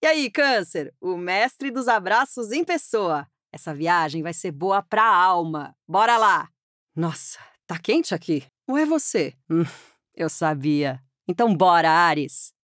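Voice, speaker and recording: A woman's voice: on the low side, expressive, measured pace, fairly bright tone, no room sound. Woman voice-over for a cheeky sat-nav, flirty and upbeat, dry close recording. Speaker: playful navigation voice. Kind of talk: scripted comedic GPS directions.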